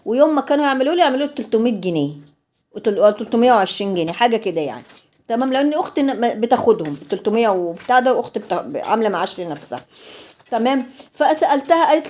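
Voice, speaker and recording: A woman's voice: on the high side, a little mellow. An Egyptian woman vlogging while she cleans her home, chatty and teasing, calling her followers pet names. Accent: Egyptian Arabic. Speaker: vlogger and domestic worker.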